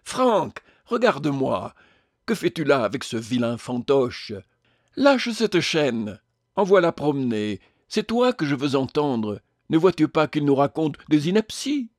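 A man voicing a joyful, serene woman from heaven who speaks gently but insists calmly. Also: a little high, measured pace, no echo, clean studio sound. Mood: urgent. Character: radiant, serene heavenly lady, joyful and firm.

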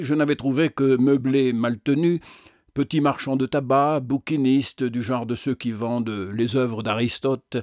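A man narrating a novel as an audiobook, in a measured reading with occasional hesitations. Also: mid-range voice, darkish tone, dry recording, studio quality.

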